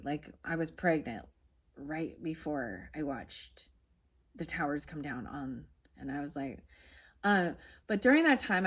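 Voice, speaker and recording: A woman in her forties with a somewhat low-pitched voice gives a casual spoken tarot reading. She rambles, circling back on herself with lots of "um" and "like" and frequent restarts. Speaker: tarot reader.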